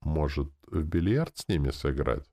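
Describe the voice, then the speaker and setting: A man's voice: very deep voice, expressive, normal speed, dark tone. A man reading an audiobook, voicing a wilful, mocking female demon. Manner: sarcastic, teasing.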